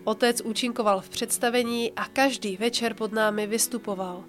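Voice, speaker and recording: A woman podcast host reading a book passage aloud with her own commentary, in a calm, measured voice that slows and softens for emphasis. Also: fairly high pitch, faint music behind.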